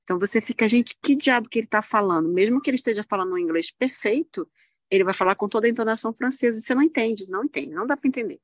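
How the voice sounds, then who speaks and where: A young adult woman from Rio de Janeiro with a Carioca accent, a lively guest telling stories on a video call from a park and laughing often. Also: a little high, rapid-fire, no echo, studio quality. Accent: Carioca Brazilian Portuguese. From Rio de Janeiro, Brazil. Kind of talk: casual chat, anecdotes. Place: outdoors in a park.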